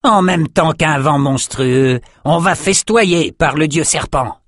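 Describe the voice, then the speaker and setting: An eager raider sailor calls out slowly and loudly, stretching his words, as a man puts him on. The voice is pitched well above a normal man's and sounds rough and greedy. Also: no room sound, clean studio sound. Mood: excited.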